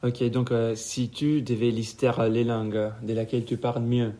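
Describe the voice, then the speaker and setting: A young man from Italy with an Italian accent, hosting a school radio interview in French with frequent pauses and fillers. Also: mid-range voice, little pitch movement, warm tone. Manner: halting, many fillers. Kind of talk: casual interview.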